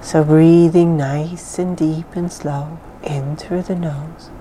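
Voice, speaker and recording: A woman leading a guided meditation in a soft, calm, soothing voice, with phrases often trailing off into breathiness. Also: deep voice, slow pace, slight background noise. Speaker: mindfulness exercise guide.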